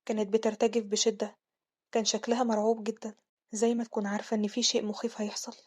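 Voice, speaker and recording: Brief: woman reading a cold, scornful young prince, Egyptian accent, flat contemptuous musing, rapid delivery. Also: a little high, lightly acted. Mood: cold, probing. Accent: Egyptian Arabic.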